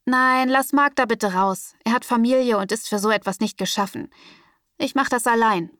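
A woman voicing a calm, cocky young man who talks in an easygoing, smug, soothing way. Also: a little high, moderate pace, dry recording, studio quality, far from the mic, lightly acted. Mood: firm.

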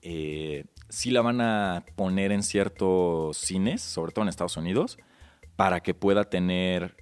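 A man's voice: low voice, dry recording. A man with a Mexican accent co-hosting a podcast, chatting casually about films in a slangy, explanatory way. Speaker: podcast co-host.

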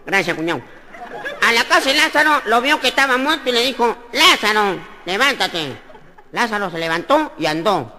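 A man's voice: extremely high pitch, very animated, moderate pace, sharp tone, long reverb tail, a faint crowd, pitched above the performer's own voice, full character voice. A man playing a nervous, stuttering sacristan in a stand-up joke. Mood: fumbling sermon. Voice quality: stutters, stumbles over words.

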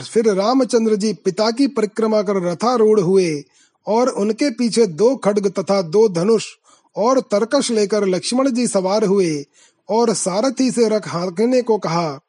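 Man, scripture reader, high voice, unhurried, chants the verses, measured delivery. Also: darkish tone. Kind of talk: reciting verses and reading a translation.

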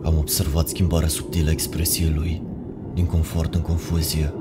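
Deep-voiced man narrating a horror story. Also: monotone, very noisy. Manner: measured, ominous storytelling. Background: music.

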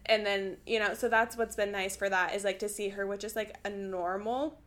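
Bright-toned woman, chatty co-host. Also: mid-range voice, steady tone, moderate pace. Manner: chatty, filler-heavy, leads the questions. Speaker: podcast co-host. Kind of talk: casual chat.

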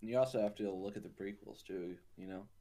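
A man's voice: lowish voice, fairly quick, mellow. A young man co-hosting a podcast in casual chat, playful and teasing, often laughing. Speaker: podcast co-host.

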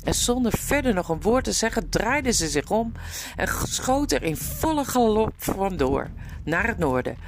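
A woman reading a children's adventure story aloud in an expressive, dramatic way, in a noisy recording. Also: mid-range voice, moderate pace. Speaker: narrator.

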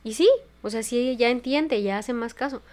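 A woman's voice: fairly high pitch, moderate pace, a little mellow. A woman with a Mexican accent, a psychologist co-hosting a casual podcast chat, talking frankly and expressively and swearing freely. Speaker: psychologist co-host.

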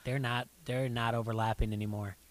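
A middle-aged man co-hosting a casual reality TV recap podcast, rambling and restarting his sentences, getting animated as he recounts scenes. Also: mid-range voice, fairly quick. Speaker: podcast co-host. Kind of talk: casual chat.

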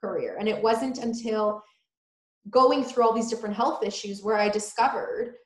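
A woman's voice: on the high side, moderate pace. A woman guest born in Poland, speaking earnestly in a casual interview. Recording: echoey room.

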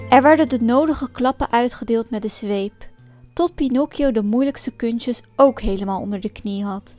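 A woman narrating a children's storybook in a clear, expressive reading style. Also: fairly high pitch.

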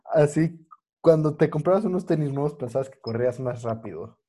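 A man's voice: fairly high pitch, fairly quick, mellow. A man with a Mexican accent chatting casually as a podcast host, using lots of slang and dropping English words into his speech.

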